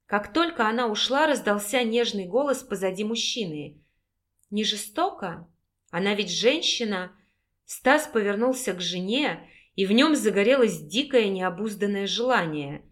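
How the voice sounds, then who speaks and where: A woman narrating a romance audiobook in an even, steady storytelling manner. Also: medium pitch, moderate pace. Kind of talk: scripted narration.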